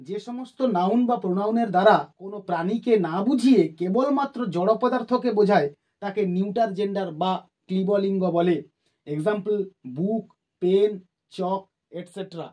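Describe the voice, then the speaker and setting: High-voiced man with a Bengali accent teaching grammar. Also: dark tone. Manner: methodical, lists terms with numbered points and examples. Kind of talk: explaining a grammar lesson.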